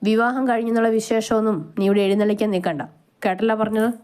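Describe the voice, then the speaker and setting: A woman's voice: fairly high pitch, steady tone, quick pace, darkish tone, close to an everyday voice. A woman voicing a curt, irritable young male lecturer in a storybook reading. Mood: irritated. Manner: curt, scolding.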